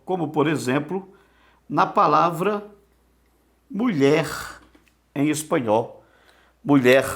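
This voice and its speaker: A man teaching an online lesson, asking himself questions and answering them, repeating words slowly so they can be drilled. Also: mid-range voice.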